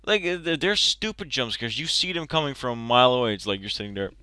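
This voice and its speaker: A young man giving a casual, ranting movie review, animated and swearing as he gets agitated. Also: medium pitch, fast, clean tone, dry recording, clean studio sound.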